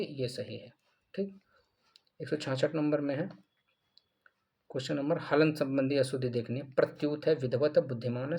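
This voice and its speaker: A male teacher goes over mock test answers in a steady explanatory way. His voice sits a bit high for a man. He restates each answer and poses questions that he answers at once. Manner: explanatory, repeats answers, asks and answers own questions. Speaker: Hindi grammar teacher. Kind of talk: exam answer walkthrough.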